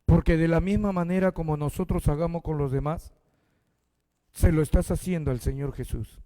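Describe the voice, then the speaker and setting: A man with a Peruvian Spanish accent delivers a sermon, his voice pitched high. He speaks straight to his congregation and reads scripture aloud. The recording carries the long reverb of a church hall. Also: moderate pace, warm tone. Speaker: pastor.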